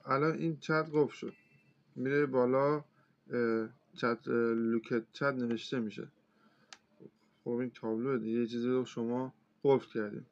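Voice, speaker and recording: A man giving a casual, step-by-step phone tutorial as a computer instructor, talking in a relaxed, hesitant way with many filler sounds. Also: medium pitch. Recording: slightly dull lo-fi sound.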